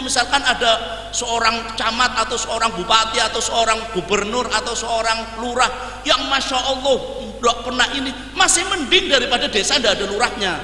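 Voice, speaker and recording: A man preaching a sermon in a conversational teaching style, acting out everyday scenes and mixing in Javanese and Arabic phrases. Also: very high voice. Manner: animated, acts out everyday scenes. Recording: echoey hall, voice from far off, faint hum.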